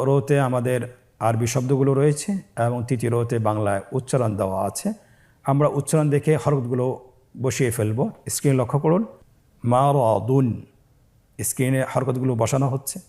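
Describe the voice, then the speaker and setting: Man, teacher, recorded lesson, mellow low-key voice, slow patient syllable drills. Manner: slow, spells syllables then blends them louder; calm, patient instruction. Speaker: Quran reading teacher.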